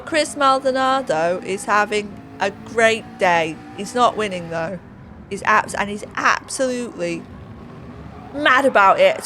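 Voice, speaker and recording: A woman's voice: mid-range voice, bright, forceful tone, slight background noise. A woman hosting her channel, giving casual sim-race commentary with playful, self-mocking asides.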